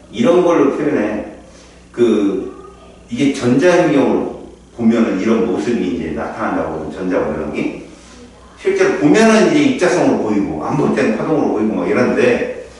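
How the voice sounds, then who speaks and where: A man tutoring a student in chemistry in an informal one-on-one session, explaining lively with rhetorical questions. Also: mid-range voice, slight background noise. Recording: echoey room, heard from a distance.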